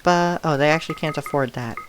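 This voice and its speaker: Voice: medium pitch, brisk, a little hiss or hum. A live streamer giving casual gameplay commentary, musing aloud and thinking through each choice.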